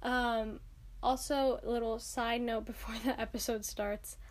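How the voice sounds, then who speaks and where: A woman's voice: a little high, level tone, a little slow. A young woman hosting a casual solo podcast, sounding tired and stuffy-nosed, talking in an informal, rambling and emphatic way. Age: young adult. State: tired, congested. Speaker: podcast host.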